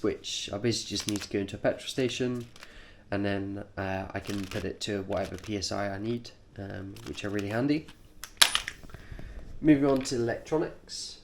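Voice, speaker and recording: Congested and nasal with a cold, a man with a lowish voice talks through his cycling kit for a vlog. The delivery is informal and stop-start, made of short, offhand remarks, with some background noise.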